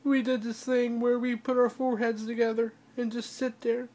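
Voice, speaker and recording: Woman, crying, video diary, flat even delivery, halting, restarts sentences. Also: on the high side. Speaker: vlogger.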